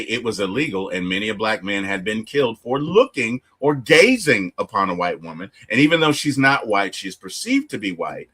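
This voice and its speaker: Animated man recapping a movie. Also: mid-range voice, slightly rough. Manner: animated storytelling, acts out quotes from characters. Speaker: movie review podcast host. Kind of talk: casual movie recap chat.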